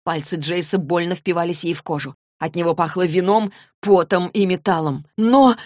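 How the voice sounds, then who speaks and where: Woman audiobook narrator, lowish voice, dramatic, dry close recording. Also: fairly even intonation, normal speed, darkish tone, dry recording. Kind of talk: scripted narration.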